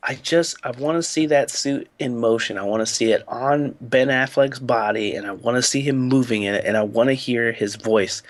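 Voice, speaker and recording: A male podcast co-host speaks at a moderate pace with hardly any pauses, his medium-pitched voice free of room sound. He's relaxed and meandering, full of "like" and "you know."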